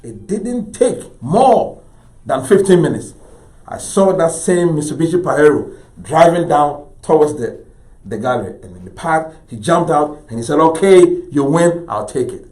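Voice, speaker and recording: A middle-aged man from Ghana with a Ghanaian English accent, an artist telling anecdotes in an interview with animated delivery. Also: on the high side, moderate pace. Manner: animated, acts out voices in his story. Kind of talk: anecdotal storytelling. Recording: roomy echo.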